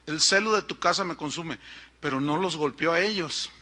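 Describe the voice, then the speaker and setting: A middle-aged man with a Mexican accent preaching a sermon, telling stories in an animated way and acting out the people in them. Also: fairly high pitch, moderate pace. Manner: animated storytelling with acted-out quotes. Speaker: pastor.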